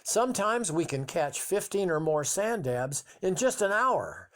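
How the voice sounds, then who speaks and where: An older man in his seventies narrating a childhood memory in vivid, measured storytelling. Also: high-pitched, sing-song, fairly bright tone. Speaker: memoir narrator.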